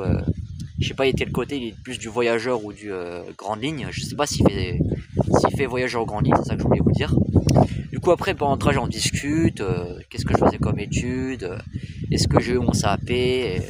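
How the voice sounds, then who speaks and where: Chatty young man vlogging outdoors, loud noise. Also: mid-range voice. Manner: chatty, rambling, often stumbles and corrects himself. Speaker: train-spotting vlogger. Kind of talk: casual face-cam vlog.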